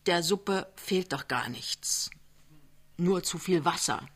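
A mild young clerk, gentle and a little hesitant, who frets about his job, as a woman reader voices him. The pitch is kept near her own, with soft, halting phrasing in a radio book reading. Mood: reasoning. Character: young man, worried mild-mannered clerk husband.

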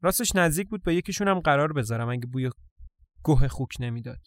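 A man's voice: fairly high pitch, expressive, no room sound, studio quality, lightly acted. A man doing a scornful, teasing village girl. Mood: mocking. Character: blunt, mocking teenage village girl.

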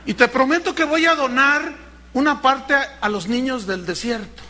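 Preacher doing a wheedling, eager John. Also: male voice, very high voice, moderate pace, bright, forceful tone, pitched above the performer's own voice, exaggerated voice. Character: fawning John the Baptist asking to profit, grown man.

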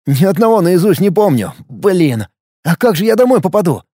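A man's voice: sits high, big pitch swings, moderate pace, warm tone, slightly rough, dry recording, clean studio sound, pitched above the performer's own voice, exaggerated voice. A man voicing a confused, lonely young man who sounds rattled and lost. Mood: bewildered.

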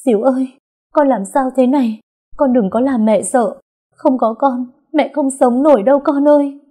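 A woman's voice: sits high, moderate pace, warm tone, voice pushed up. A woman putting on a weeping, frantic young mother. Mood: desperate. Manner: pleading, tearful.

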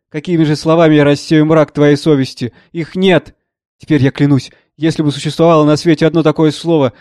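A man's voice: a little high, a little mellow, no echo, studio quality, lightly acted. A man reading an anguished old professor. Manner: anguished, declamatory. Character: anguished, proud aging male professor.

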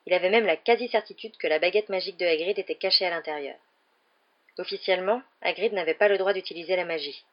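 Low-voiced woman reading a storybook. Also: fast talker, highs cut off. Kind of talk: audiobook narration.

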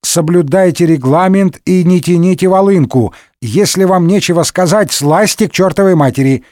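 A man's voice: high voice, lively intonation, measured pace, a little mellow, no echo, clean studio sound, voice pushed up. A man doing a brash bullying parliament speaker. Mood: rowdy. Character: rude, harried male parliament speaker.

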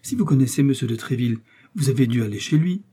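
A man reading aloud and voicing an earnest, trusting young woman in a higher, eager and emphatic voice. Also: animated, quick pace, dark tone, husky.

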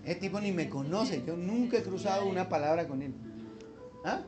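A man's voice: high-pitched, lively intonation, normal speed. A man preaching a sermon as pastor, emphatic and conversational, with wry asides, over background music.

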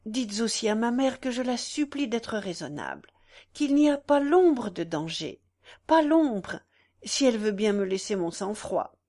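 Woman voicing a gentle young gentleman, tender and unhurried. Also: fairly high pitch, very animated, full character voice. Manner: tender, soothing, slow. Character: young Parisian gentleman before a duel, gentle.

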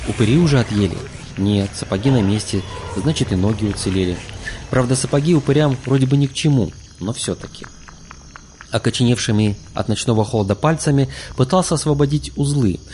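A man reading a fantasy audiobook aloud in steady scripted narration. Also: medium pitch.

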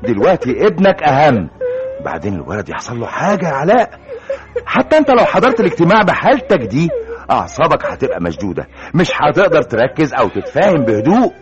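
An actor playing a calm, persuasive senior engineer who takes charge, speaking with an Egyptian accent in an old radio drama. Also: male voice, fairly high pitch, quick pace. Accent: Egyptian Arabic. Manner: soothing, reasonable, takes charge. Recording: dull old radio recording with music.

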